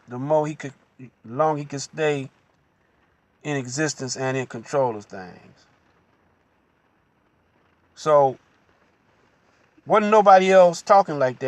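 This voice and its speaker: Slow-preaching man, dry close sound. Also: on the high side, no room sound. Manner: slow, unhurried preaching with pauses and "you know". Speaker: host. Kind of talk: religious teaching monologue.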